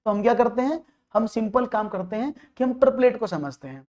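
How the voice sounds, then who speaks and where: A man's voice: extremely high pitch, expressive, brisk, a little mellow. A man giving an online maths lecture for exam prep. He works through problems step by step, drops English phrases into his speech, and keeps checking that his students are following. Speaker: maths teacher.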